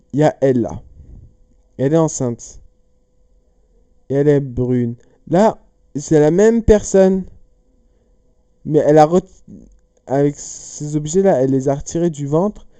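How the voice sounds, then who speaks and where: Slow, dark-voiced rambling man. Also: fairly high pitch, clean tone, no echo. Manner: rambling, jokey, self-correcting. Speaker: youtuber. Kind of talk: casual chat solving riddles on camera.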